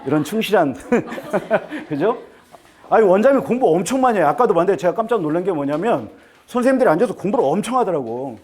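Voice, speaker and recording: Lively, joking man lecturing parents. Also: high voice, fast talker, slight background noise. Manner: joking, chatty, keeps asking the audience to agree. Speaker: admissions consultant giving a talk to parents. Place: seminar room with an audience.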